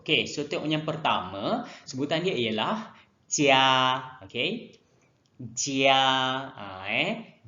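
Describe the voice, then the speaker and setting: A man teaching a Mandarin lesson online, speaking slowly and repeating each word twice for students to copy. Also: mid-range voice, pushed and bright, roomy sound, highs cut off. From Malaysia. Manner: slow, drills pronunciation by repeating words twice.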